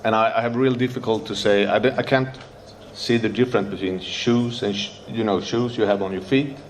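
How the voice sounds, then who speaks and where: A fairly low, evenly intoned voice belongs to a Swedish man, Swedish his mother tongue, who recounts his recovery at a meeting. He speaks accented English nervously and haltingly, groping for words, over a slight hiss or hum.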